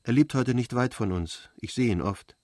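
A man reading aloud voices a calm, gentle young woman who speaks plainly and quietly. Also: mid-range voice, normal speed, dry recording, studio quality, close to an everyday voice.

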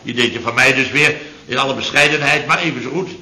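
A man's voice: mid-range voice, a little fast, pushed and bright, reverberant, low-quality recording. An actor playing a self-satisfied, bossy male chef and restaurant owner who lectures his barman. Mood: boastful. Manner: pompous, scolding, self-satisfied.

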